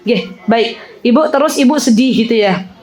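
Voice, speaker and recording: A middle-aged woman, teaching religion to a women's audience in a lively, teasing way and questioning listeners. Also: on the high side, a little fast, slight background noise, low-quality recording. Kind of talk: interactive religious talk with audience.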